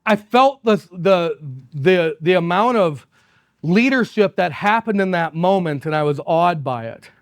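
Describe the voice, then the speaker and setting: Keynote speaker: man, high voice, animated storyteller, dry close sound. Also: a little slow, dry recording. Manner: animated, laughs often, acts out quoted people. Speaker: company executive giving a keynote. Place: conference stage.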